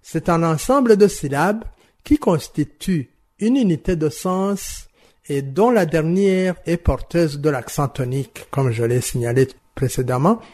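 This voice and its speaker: A man explaining French rhythm and stress to teachers in a slow, measured, didactic way, answering interview questions. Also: on the high side, darkish tone, breathy edge. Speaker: language teaching expert.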